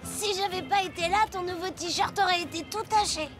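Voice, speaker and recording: A woman voicing an anxious, bossy young child in an animated series, fussy and hesitant but pleased with their own advice. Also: very high-pitched, normal speed, over music. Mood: smug, advising. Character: anxious, bossy, boastful young child, cautious best friend.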